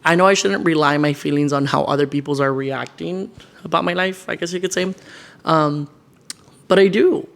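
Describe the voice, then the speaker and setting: A man's voice: fairly high pitch, normal speed, creaky, a bit bright. A 21-year-old man vlogging, chatting casually to camera and venting in a rambling way, with lots of filler words. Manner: rambling and venting, heavy use of "like". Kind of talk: casual sit-down chat to camera. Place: his decorated home.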